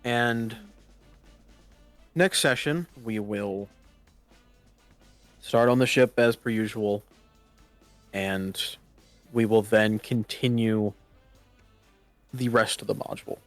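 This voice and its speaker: A man acting as game master, wrapping up a roleplay session in casual chat over an online voice call. He speaks in a laid-back way, pausing with ums and restarting phrases. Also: lowish voice, dry recording, soft background music. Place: online voice chat in a virtual world.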